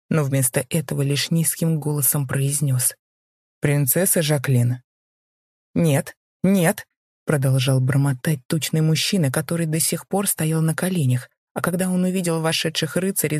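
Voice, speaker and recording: A woman reading a first-person fantasy novel aloud in steady, measured narration. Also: deep voice, dry recording, clean studio sound. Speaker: audiobook narrator.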